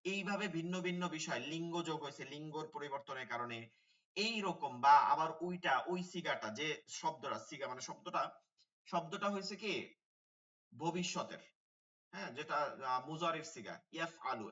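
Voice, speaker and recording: Bright-voiced man teaching Quran letters. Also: a little high, expressive, moderate pace, distant mic, muffled recording. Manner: repeats key terms, asks students questions. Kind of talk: online tajweed class.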